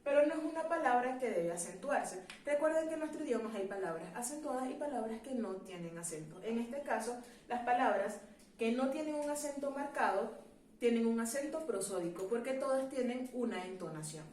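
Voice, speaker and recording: A woman teacher explaining a grammar lesson in a clear, measured classroom manner, asking rhetorical questions. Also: a little high, animated, darkish tone, echoey room, distant mic, a little hiss or hum.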